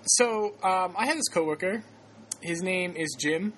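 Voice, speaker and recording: A man's voice: high-pitched, a little slow, a bit bright, a little hiss or hum. A man hosting a casual podcast, telling stories in a rambling way with many fillers and restarts, often laughing. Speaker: podcast host.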